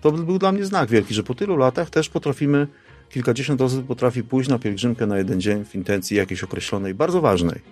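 A middle-aged man being interviewed, reminiscing informally in a halting, emphatic way with frequent tag questions. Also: mid-range voice, darkish tone, soft background music. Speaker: interview guest recalling his youth.

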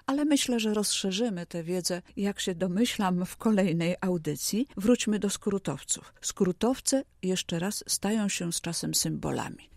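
A woman's voice: mid-range voice, gravelly, darkish tone, no room sound, studio quality. A woman professor of language explaining usage rules on a radio programme in a precise, lecturing manner. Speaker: language expert guest. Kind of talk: radio language advice chat.

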